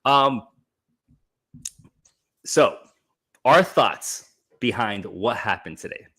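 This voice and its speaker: A man co-hosting a casual chat podcast, animated and prone to quick restarts. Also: mid-range voice, husky. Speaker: podcast co-host.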